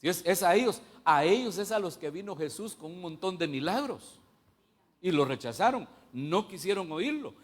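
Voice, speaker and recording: A man's voice: high-pitched, lively intonation, moderate pace. A man preaching a sermon, stressing points by repeating them and putting questions to the congregation. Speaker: pastor.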